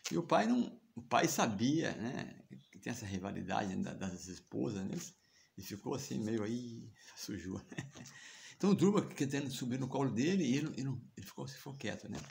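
Here the same kind of speaker, a Brazilian-accented devotional teacher, chats through a scripture story, often chuckling and asking listeners to agree with tag questions. His mid-range, gravelly voice moves fairly quickly with lively intonation and a slightly mellow quality, over a faint hiss or hum.

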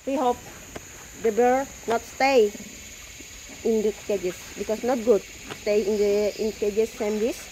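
A woman's voice: on the high side, steady tone, takes it slowly, long pauses, warm tone, slight background noise, rough recording. A woman from Southeast Asia, an animal keeper, answering in limited English and searching for words. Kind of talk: halting interview answer. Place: outdoors beside animal cages, speaking through a mask.

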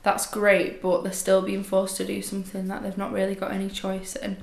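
A nineteen-year-old woman answers interview questions in a flat, halting way, often stopping and restarting. Her voice turns gravelly at the ends of phrases, and the small room around her sounds echoey. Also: mid-range voice. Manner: hesitant, with fillers and repeats. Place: indoor room, seated in armchair.

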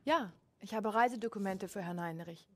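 A woman's voice: mid-range voice, normal speed, close to an everyday voice. An actress playing an undercover female spy, speaking politely and with guarded composure.

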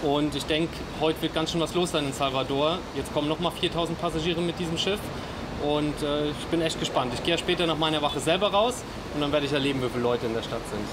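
A man, a ship's officer, chatting quickly to camera outdoors on deck. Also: on the high side, background noise. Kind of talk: casual talk to camera. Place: outdoors on a ship's bridge wing.

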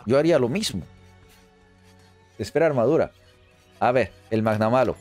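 A man giving excited let's play commentary, chatty and often repeating phrases in quick bursts. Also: medium pitch. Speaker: gameplay commentator. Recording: faint game music underneath.

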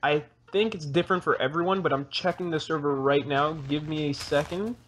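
A man's voice: fairly high pitch, steady tone, a little fast, a bit bright. Chatty teen boy playing a block game. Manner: chatty, joking, plugs the channel to viewers. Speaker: gaming channel host. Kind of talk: casual game commentary with a friend.

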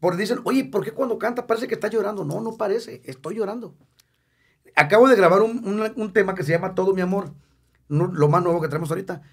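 A man's voice: sits high, quick pace, creaky, slightly rough. A Mexican singer in his fifties, a guest in a casual interview, talking candidly and emotionally, joking and repeating words for emphasis. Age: 50s.

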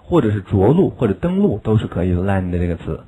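A man teaching English vocabulary in a classroom lesson, explaining in Chinese and drilling words slowly, with a chuckle at his own asides. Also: fairly low pitch, big pitch swings, warm tone, poor audio.

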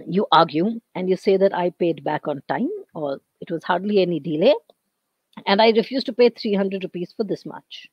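An Indian English woman gives an online lecture, explaining step by step. Her voice is hoarse and she keeps clearing her throat. The computer-mic audio is dry and a little dull. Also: on the low side, normal speed, no room sound. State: losing her voice.

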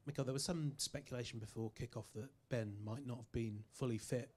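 A journalist puts his questions in a conversational, probing way. He speaks fast, and his tone is mellow and dark. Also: mid-range voice, steady tone.

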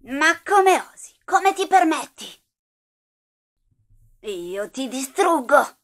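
A woman's voice: sits high, big pitch swings, takes it slowly, fairly bright tone. A woman hosting her channel, playing a scripted comedy sketch in a theatrical, indignant way. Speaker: channel host.

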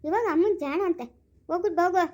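A woman's voice: very high-pitched, quick pace, background noise. Woman playing a soothing, scolding village aunt. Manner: soothing, scolding, repeating warnings. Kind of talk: amateur family drama acting.

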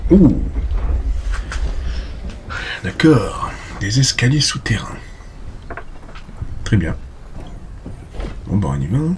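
A man's voice: lowish voice, darkish tone, a little hiss or hum. A man giving casual let's play commentary, chatty and talking to himself, exclaiming and cursing as he fights. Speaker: gameplay commentator.

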